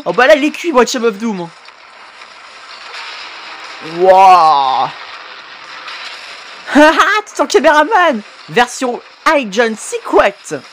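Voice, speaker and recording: A man hosting a casual video reaction, excitable, often swearing and exclaiming at the screen, with frequent hesitant fillers and self-corrections. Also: very high-pitched, slow pace, pauses often, slight background noise. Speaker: YouTube reaction host.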